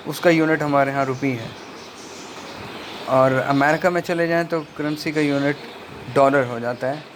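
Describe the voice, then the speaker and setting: A male lecturer talks through a textbook, pausing often and reading the English lines out very slowly. His voice sits a little high for a man, and the pace stays unhurried throughout. A faint hiss of background noise runs under the recording. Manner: slow, deliberate explanation with many hesitations, reads English passages very slowly. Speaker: linguistics lecturer.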